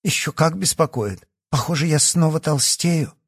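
A man's voice: a little high, normal speed, breathy edge, dry recording, clean studio sound, pitched above the performer's own voice. A male narrator voicing a frightened, vain teenage girl who pleads desperately in an audiobook. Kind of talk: audiobook character voice.

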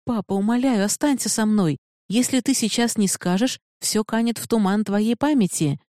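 A woman voicing a gentle young noblewoman who speaks softly and pleadingly. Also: mid-range voice, expressive, moderate pace, no echo, clean studio sound, pitched above the performer's own voice, natural voice. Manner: soft, pleading.

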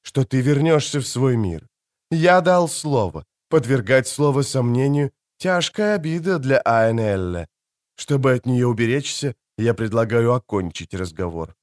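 A male audiobook reader voicing a cold, stern ancient male elf who speaks with calm, measured warnings. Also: mid-range voice, dry recording, clean studio sound, lightly acted. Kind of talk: audiobook character reading.

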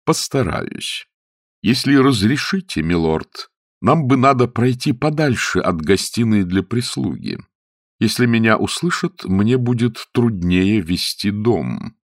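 A man's voice: lowish voice, big pitch swings, measured pace, no room sound, clean studio sound, exaggerated voice. A man voicing a dignified, formal middle-aged butler in a read-aloud story. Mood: solemn.

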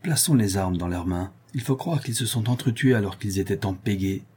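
A man voicing a cunning, cool-headed craftsman in a spoken storybook, with a calm, mocking manner. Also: fairly low pitch, brisk, slightly rough. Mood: sardonic calm. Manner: sardonic, calm.

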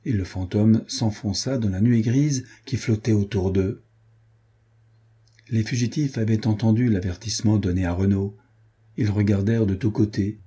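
A man reading a historical adventure novel aloud as an audiobook narrator, in an even, measured way. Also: fairly low pitch, breathy edge. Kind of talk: scripted narration.

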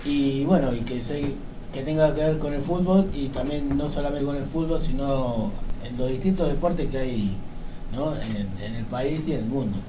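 A man with a medium-pitched voice talks at a normal speed. He's an Argentine radio sports commentator answering interview questions casually, hesitating, repeating words, and tacking on verbal tags. The recording sounds like a noisy room captured from a distant microphone.

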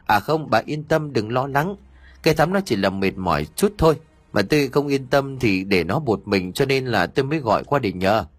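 A man's voice: mid-range voice, animated, moderate pace, slightly rough, no echo, faint music behind, voice pushed up. A man voicing a frantic, tender older mother-in-law who pleads anxiously. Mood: polite explaining.

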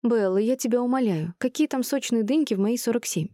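A woman's voice: fairly high pitch, lively intonation, brisk, mellow, no room sound, clean studio sound, pitched above the performer's own voice, natural voice. A woman voicing a grandmother in her forties who speaks earnestly and apologetically, rattling on when flustered.

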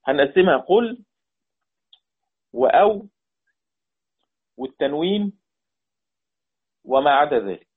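Egyptian guy teaching quran readings, husky kinda high voice, quizzes students, tinny phone-like sound. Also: animated, slow, pauses often. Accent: Egyptian Arabic. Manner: repeats points and quizzes students. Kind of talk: online lesson explaining readings.

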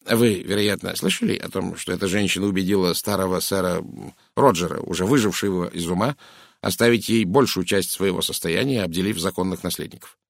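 Man voicing curt English spinster, audiobook; gravelly low tone, dry read, blunt and cutting. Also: fairly quick, dry recording. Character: stern brusque middle-aged English spinster. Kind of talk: audiobook character reading.

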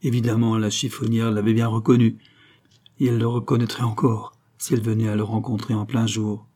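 A man narrating a classic novel in a steady, measured reading. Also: on the low side. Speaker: audiobook narrator.

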